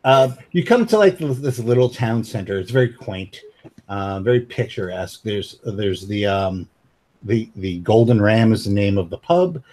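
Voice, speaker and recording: Husky-voiced man running a tabletop game. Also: fairly low pitch, lively intonation, normal speed, a little mellow. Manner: hesitant, filler-heavy narration. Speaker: game master.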